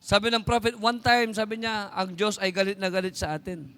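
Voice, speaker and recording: A man with a Filipino accent preaching a sermon as pastor, reading scripture slowly and with emphasis as he moves between Tagalog and English. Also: high voice, level tone, fairly bright tone, smooth, long reverb tail.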